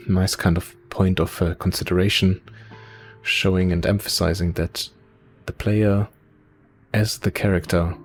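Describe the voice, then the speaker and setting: A man hosting a let's play, thinking aloud in casual gameplay commentary, his voice slightly hoarse and cracking. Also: deep voice. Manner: thinking aloud, hesitant, muttering directions.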